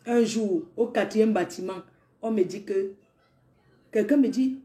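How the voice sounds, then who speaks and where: A woman casually telling a personal story, animated and speaking directly to her listeners. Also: medium pitch, unhurried. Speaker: storyteller vlogger. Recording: echoey room.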